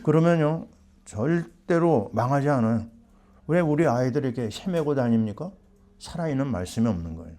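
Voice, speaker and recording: A man's voice: medium pitch, animated, fairly quick, dark tone. A middle-aged man preaching a sermon as pastor, asking the congregation questions and answering them himself.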